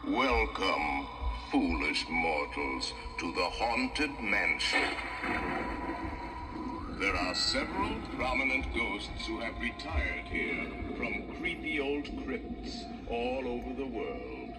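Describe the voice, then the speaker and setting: A man playing a ghoulish, mock-polite ghost who guides visitors through a haunted mansion, speaking slowly and sometimes whispering. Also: fairly low pitch, very animated. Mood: mock-genial. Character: sinister, genial male ghost host of a haunted mansion. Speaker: narrator and guide. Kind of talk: theme-park ride narration. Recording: distant voice under loud spooky music.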